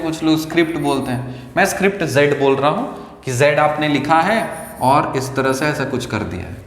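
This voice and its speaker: A man teaching a maths lecture, slow and deliberate, who asks the class questions and answers them himself. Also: fairly high pitch, a bit bright. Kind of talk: lecture mixing Hindi and English. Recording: echoey room with long reverb.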